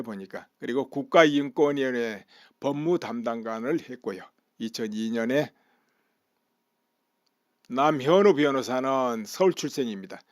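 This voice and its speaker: A man's voice: medium pitch, a little mellow, no room sound. Dry-voiced male political commentator. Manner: explanatory, poses rhetorical questions. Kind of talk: news commentary monologue.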